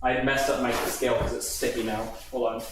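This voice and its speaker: A man's voice: medium pitch, level tone, brisk. A man casually chatting on a livestream while he cooks in his apartment kitchen, rambling and often cutting himself off. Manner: rambling, self-interrupting, chatty. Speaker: streamer. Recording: very echoey room, faint background noise.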